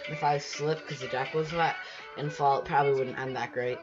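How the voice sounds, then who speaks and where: A man's voice: mid-range voice, fairly even intonation, fairly quick, dull audio. A young man casually narrating a voice-over about cleaning his sailboat, rambling with lots of fillers and restarts. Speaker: sailing vlogger narrating his boat work. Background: background music.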